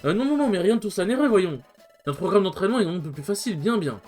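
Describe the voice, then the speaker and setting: A man voicing a bossy, self-important male bird Pokémon from a video game, with a shrill, witch-like voice and a haughty way of snapping orders. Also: animated, fast, a little mellow. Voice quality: shrill witch-like voice, man's version.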